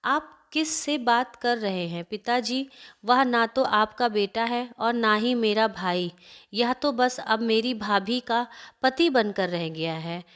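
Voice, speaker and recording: A woman's voice: fairly high pitch, slow, a bit bright. A woman voicing a young woman who tearfully accuses her brother in a family story. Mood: accusing. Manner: accusing, sobbing.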